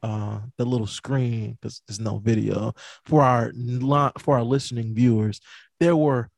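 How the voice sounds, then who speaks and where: A man's voice: mid-range voice, fairly even intonation, unhurried, creaky, darkish tone, no room sound. A man hosting a casual podcast chat, stumbling over and repeating his words. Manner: stammering, repeats words, laughs easily. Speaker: podcast host.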